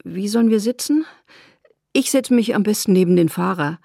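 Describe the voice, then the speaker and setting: A woman reading aloud voices a tense, shy young man with a husky, creaky voice. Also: medium pitch, normal speed, mellow, dry recording, clean studio sound.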